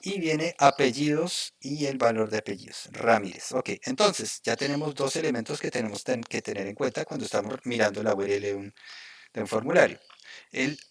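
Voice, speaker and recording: A man leads a live coding class with a voice of ordinary middle pitch. He talks through each step as he goes and keeps checking that his students are following. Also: brisk. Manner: explains step by step, often checking in with "¿cierto?" and "¿ok?". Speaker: programming instructor.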